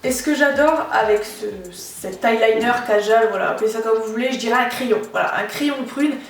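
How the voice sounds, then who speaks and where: A young woman chats through a makeup haul in a high voice, looping back with fillers and restarts. She sounds set back from the mic in a very echoey room, with faint music underneath. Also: a little fast, recorded from a distance. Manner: chatty, many fillers and restarts. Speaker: beauty vlogger. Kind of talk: casual haul review.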